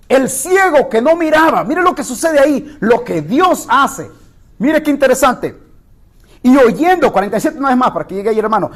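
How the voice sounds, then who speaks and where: A male pastor teaching a Bible study sermon, reading verses aloud and breaking off to address his listeners. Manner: reads scripture aloud with asides to the listeners; rises in pitch when quoting the blind man's cry.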